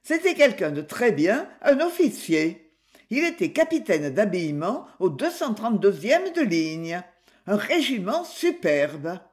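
A reader voicing a flustered older widow who pleads in a higher, quavering voice. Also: very animated, a little slow.

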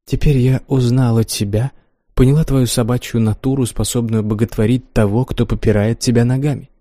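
A man voicing a cold, scornful and domineering young woman in an audiobook, speaking calmly and mockingly. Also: mid-range voice, fairly quick, no room sound, clean studio sound, close to an everyday voice. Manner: calm, mocking, commanding. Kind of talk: audiobook character reading.

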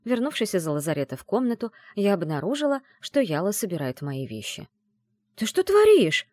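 A woman narrating a first-person fantasy novel in an expressive, emotional reading style. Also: on the low side, brisk, no echo. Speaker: audiobook narrator.

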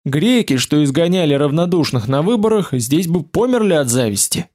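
A man narrates an adventure novel for an audiobook. His delivery is steady and vivid, and his voice sits a little higher than most men's. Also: moderate pace.

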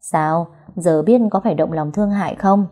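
A woman's voice: fairly low pitch, normal speed, mellow, natural voice. A woman voicing a blunt, gossipy young female friend in an audio story.

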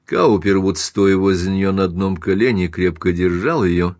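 A man narrating a classic novel as an audiobook in a dramatic, measured reading. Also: low-pitched, darkish tone, dry recording, studio quality.

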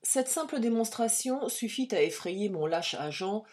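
A woman narrating a story aloud in a measured, expressive reading. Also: medium pitch. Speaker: audiobook reader. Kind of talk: scripted narration.

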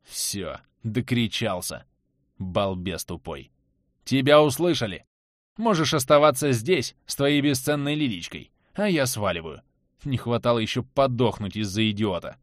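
A man voicing a gruff, blunt, tough male survivor in an audiobook. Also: medium pitch, normal speed, no room sound, studio quality, close to an everyday voice. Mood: scornful. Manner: blunt, scornful.

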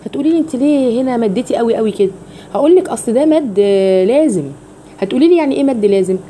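A woman with an Egyptian accent teaching a religious lesson on Quran recitation, explaining step by step with rhetorical questions and slowly demonstrating each phrase. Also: on the high side, dark tone, slight background noise. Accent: Egyptian Arabic.

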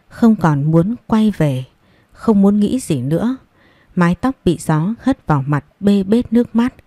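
Woman, storybook narration, low voice, dry close recording. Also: warm tone, no echo. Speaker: audiobook narrator. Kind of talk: scripted narration of a romance story.

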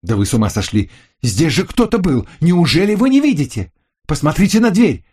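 A man's voice: mid-range voice, expressive, moderate pace, a little mellow, slightly rough, pitched above the performer's own voice. A man voicing an accused man who protests in exasperation. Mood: exasperated.

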